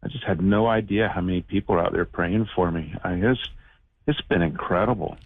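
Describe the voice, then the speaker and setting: A man in his fifties calling in to a show by phone, telling a personal story in a casual, halting, plain-spoken way. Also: sits low, slightly rough, no echo. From United States. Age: 50s. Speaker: radio show call-in guest, shoemaker. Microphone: telephone. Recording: muffled band-limited phone call.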